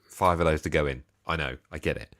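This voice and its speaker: A man's voice: rumbling low, brisk, fairly bright tone. A young man co-hosting a casual football fan show, chatting and reading out viewer comments. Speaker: co-host of a football fan channel. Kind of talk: casual chat.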